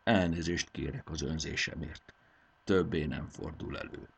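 A man voicing a meek, humble servant who speaks quietly and deferentially in a storybook reading. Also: rumbling low, fairly even intonation, vocal fry, slight background noise. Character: meek, humble male servant, soft-spoken.

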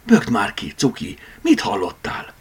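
A man voicing a proud, quick-tempered male tomcat in an audiobook, anxious in manner. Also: fairly low pitch, huge pitch swings, breathy edge, voice pushed up, exaggerated voice.

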